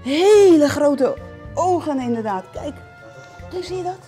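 A woman's voice: high voice, expressive, slow pace, warm tone, soft background music. A woman reading a picture book aloud to young children, sing-song and coaxing, asking them questions as she goes.

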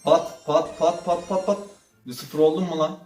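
Excitable young-sounding man, roomy distant mic. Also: fairly high pitch, normal speed, faint music behind. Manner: excitable, swings between muttering and loud outbursts. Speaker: gaming channel host. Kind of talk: casual gaming commentary while opening loot boxes.

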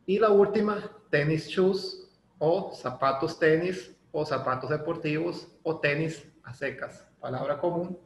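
Gravelly Mexican man teaching English casually. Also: on the high side, a little slow. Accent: Mexican Spanish. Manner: chatty, explains with many fillers and tag questions. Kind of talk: casual classroom lesson. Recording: echoey room with faint ambient noise.

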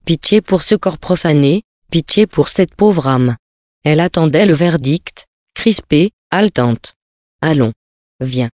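Measured male audiobook narrator, dry sound. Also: a little high, animated, a little mellow, no echo. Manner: measured literary reading, voicing characters with small shifts.

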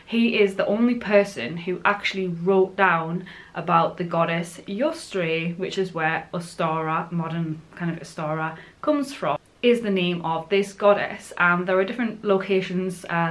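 Low-pitched young Northern English woman, chatty. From Northumbria, northern England. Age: 20s. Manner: informal, chatty. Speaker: vlogger. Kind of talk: casual chat to camera. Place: furnished living room indoors.

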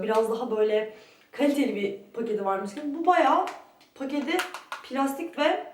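A woman's voice: high voice, a little hiss or hum. A young woman giving a chatty, detailed beauty product review, her voice ringing with strong echo in a small room at a friend's home. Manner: chatty, detailed, describing items up close. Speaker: beauty vlogger. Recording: echoey room, voice from a distance.

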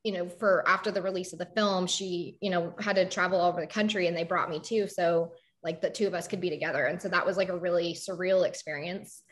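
A woman's voice: lowish voice, fairly even intonation, fast talker, few pauses. A young woman speaking as a survivor guest on a panel, talking in a casual, chatty way with many "like" and "um" fillers.

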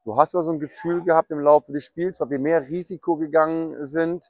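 A man's voice: fairly high pitch, steady tone, a little fast, dry recording, clean studio sound. A man giving a spontaneous post-match football analysis, reflective and hesitant as he works through his thoughts.

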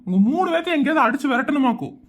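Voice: sits high, very animated, rapid-fire. Someone voicing a grumbling cartoon dad. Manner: grumbling, dismissive. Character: father of the house, grumbling and easygoing.

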